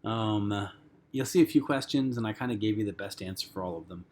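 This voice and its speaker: Casual, low-voiced male flight instructor. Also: brisk, a little mellow. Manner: casual, conversational, frequent ums and uhs. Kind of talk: lecture-style flight lesson.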